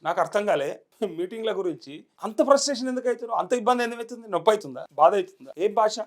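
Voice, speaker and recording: A man speaks in a Telangana accent, firing off angry rhetorical questions and mocking jabs in rapid succession. His voice sits high for a man and the words tumble out quickly. It sounds like heated political commentary. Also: lively intonation. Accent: Telangana Telugu.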